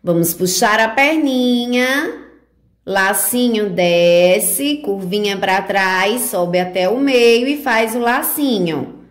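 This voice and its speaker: A woman from Brazil teaches preschoolers to write their letters, talking them through each stroke. Her delivery is very unhurried and sing-song, full of gentle diminutives, with a medium pitch. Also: expressive. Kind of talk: remote handwriting lesson for young children.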